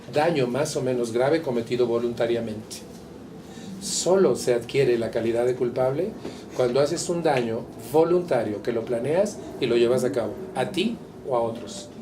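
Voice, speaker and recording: A man's voice: mid-range voice, mellow, a little hiss or hum. A man with a Mexican accent speaking candidly and colloquially to a support group, often turning to ask his listeners questions. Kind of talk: personal talk to a support group.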